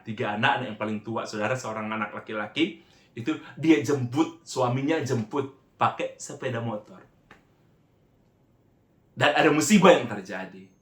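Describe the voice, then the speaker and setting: A man preaches a sermon, telling a story with emotion, often breaking off to restart his words and repeatedly calling his listeners "saudara." His medium-pitched voice is a bit bright, and the sound is roomy.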